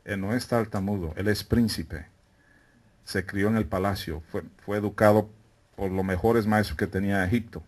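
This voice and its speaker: A male preacher with a somewhat low voice teaches a Bible lesson in a meeting room. He keeps questioning his listeners and calls them brethren. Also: fairly even intonation, moderate pace. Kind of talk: interactive teaching sermon. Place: meeting room with a live congregation.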